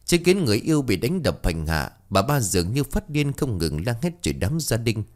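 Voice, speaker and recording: A man narrating a ghost story in a dramatic, expressive way. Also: mid-range voice, brisk.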